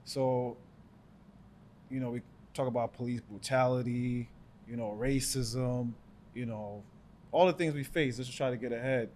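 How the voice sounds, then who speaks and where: A man's voice: medium pitch, steady tone, measured pace, pauses often, darkish tone, a little hiss or hum. Reflective Jamaican-born man, casual talk. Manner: reflective, many fillers. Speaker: podcast co-host. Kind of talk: casual chat.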